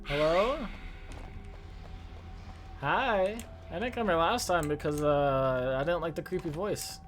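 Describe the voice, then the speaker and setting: A young man talking casually over a video game, rambling and mocking himself, now and then breaking into loud outbursts. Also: a little high, slow pace, faint music behind. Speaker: gaming YouTuber. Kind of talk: casual let's-play commentary. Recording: steady noise under the voice.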